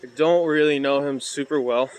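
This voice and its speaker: A man's voice: mid-range voice, steady tone, normal speed, smooth. A man recording a casual phone video of himself on an outdoor trail, chatting and rambling with plenty of "uh"s while he walks with a heavy sandbag. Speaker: vlogger and parkour coach. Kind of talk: casual talking-to-camera vlog. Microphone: cheap phone held while walking.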